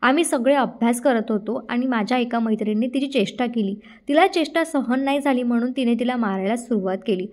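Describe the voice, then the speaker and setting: A spoiled young woman hurls scornful insults, sprinkling in English words, as a woman reads her. Her voice is high and sharp. She sounds like a storybook villain in a family drama. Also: a little fast, hardly any pauses, lightly acted. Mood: whiny complaint.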